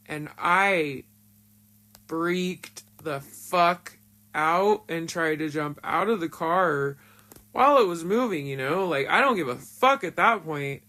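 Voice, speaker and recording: Someone with a disguised voice recounts a story from their own past in a casual, conversational way, speaking bluntly and frankly and swearing often as the retelling turns emotional. The voice is medium-pitched, expressive, pushed and bright, and the pace is slow.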